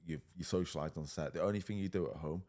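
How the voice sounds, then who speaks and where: A man's voice: deep voice, fast talker, darkish tone. A man, a podcast guest telling stories in a blunt, chatty way and swearing freely. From United Kingdom. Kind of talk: casual storytelling.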